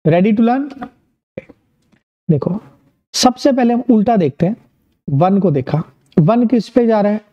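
A man's voice: high voice, lively intonation, slow, pauses often. Male maths tutor, Indian accent, encouraging online-lesson delivery, slightly muffled recording. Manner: upbeat, encouraging, asks and answers his own questions. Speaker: maths teacher.

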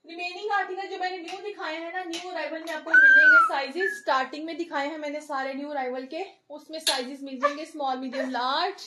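Very animated over a very noisy background, a Lahore woman with a high, bright voice and Pakistani Urdu accent sells clothes on a live stream. She greets viewers as she speeds through sizes and prices in brisk, chatty patter.

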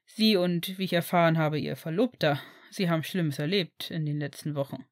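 A woman voicing an eccentric middle-aged man who is gentle and formal, in an audiobook reading of fan fiction. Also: low voice, no room sound, clean studio sound, pitched below the performer's own voice, natural voice. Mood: courteous. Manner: measured, formal and courteous.

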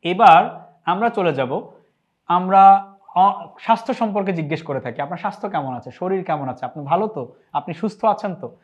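A man with a Bangladeshi Bengali accent teaching a spoken Arabic lesson, drilling phrases slowly and repeating each one. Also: sits high, expressive. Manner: slow, careful drilling of phrases with repetition.

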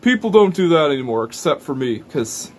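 In a small room full of toy shelves, a young racing video reviewer chats casually to a camera or webcam set up in front of him. His voice sits a little high and comes out brisk and very animated as he rambles through his vlog commentary, explaining and correcting himself along the way.

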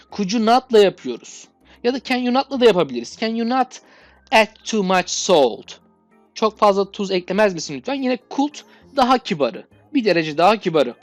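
A woman's voice: mid-range voice, no room sound. Patient woman teaching English phrases. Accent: Turkish. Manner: patient, reads English phrases slowly and clearly. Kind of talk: explaining English requests in Turkish.

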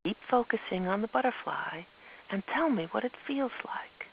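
A woman voicing a gentle, wise older woman who guides a child, speaking softly and slowly, often in a whisper. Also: mid-range voice, lively intonation, gravelly, pitched above the performer's own voice. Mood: soothing. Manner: soft, slow and coaxing, often whispered. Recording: muffled with faint hiss.

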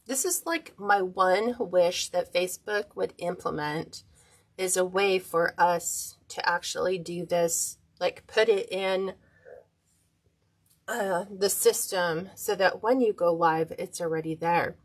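A woman's voice: on the low side, slow pace, husky. Chatty woman teaching a craft livestream. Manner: chatty, greets viewers by name. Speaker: wreath-making instructor. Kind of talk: live-streamed craft tutorial. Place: indoor craft table, overhead camera.

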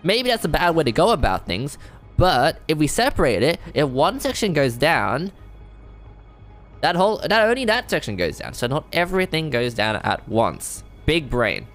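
Man, let's-play commentary, thinks aloud, excitable bursts, rough fry, soft game music underneath. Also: on the high side, moderate pace. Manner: thinks aloud, self-deprecating, excitable outbursts. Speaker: gamer playing a strategy game. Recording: faint game music behind.

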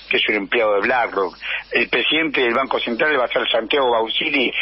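A man with a Rioplatense Spanish accent, an economics commentator giving a steady explanation over a phone line into a radio show. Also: mid-range voice, slightly rough. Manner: steady explanatory delivery, listing names. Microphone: phone line into radio studio.

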